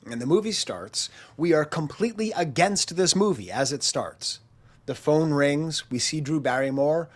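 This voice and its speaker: A man in his 40s hosting a channel talks through a story at his own expense in a relaxed monologue, acting out quotes, his voice nasal and blocked up from a chest cold. He has a fairly high pitch and an animated delivery at normal speed.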